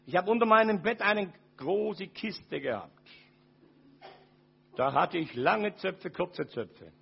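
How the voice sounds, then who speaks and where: Older man, gravelly, husky, high voice, dramatic testimony, dull lo-fi sound. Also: expressive, slow. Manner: dramatic, swings from loud to very quiet. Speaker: speaker giving a testimony. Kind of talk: personal testimony talk to an audience.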